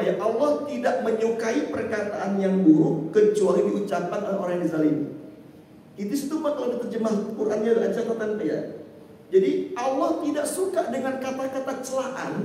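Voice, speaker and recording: A man's voice: high-pitched, dark tone. A male Islamic preacher giving an evening mosque lecture, reciting Arabic verses and calling his listeners "Pak" again and again. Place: large mosque hall. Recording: distant mic, long hall reverb, faint noise.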